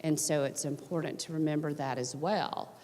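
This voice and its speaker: A woman's voice: low voice, fairly even intonation, moderate pace, dark tone, in a large hall, slight background noise. A woman with a Southern American accent giving a workshop presentation, chatty with frequent fillers. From Southern United States.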